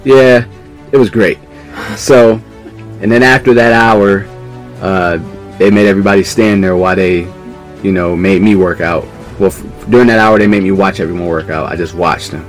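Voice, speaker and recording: A man from New York with a very low voice tells a story on a podcast. He talks casually and animatedly, acting out what others said and laughing along the way. Soft music plays faintly underneath. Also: steady tone, normal speed. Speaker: podcast guest.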